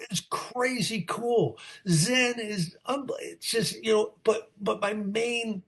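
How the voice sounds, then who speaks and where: Heard on a video call, a high-voiced New Jersey man in his sixties is the guest speaker at a recovery meeting. His talk is a candid, rambling series of answers to questions, full of tangents and repeated words.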